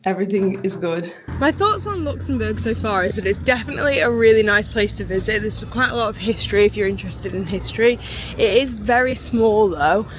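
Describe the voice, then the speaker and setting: Chatty woman vlogging over street noise. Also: mid-range voice. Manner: chatty, rambling, upbeat. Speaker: travel vlogger. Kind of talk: casual vlog chat. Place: outdoors in a city street and a small hotel bathroom. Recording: noisy outdoor street recording.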